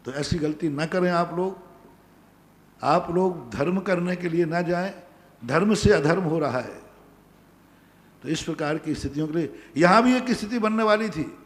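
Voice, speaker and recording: A man's voice: a little high, normal speed, long pauses, in a large hall. A male Jain monk giving a sermon, emphatic, repeating his commands to the devotees. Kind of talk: sermon answering devotees' questions. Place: large pandal, nearly empty.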